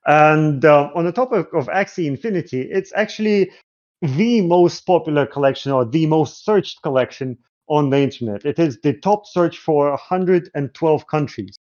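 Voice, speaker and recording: A man's voice: on the high side, expressive, normal speed, a little mellow, muffled recording. A man in a casual discussion, explaining findings with frequent hesitations. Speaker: guest analyst.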